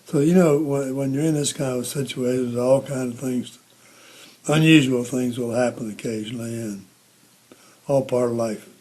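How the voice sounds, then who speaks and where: Mellow elderly American veteran, remembering. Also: male voice, medium pitch, steady tone. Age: 80s or older. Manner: old veteran remembering, halting and reflective. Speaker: Korean War veteran being interviewed. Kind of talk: reminiscing interview talk.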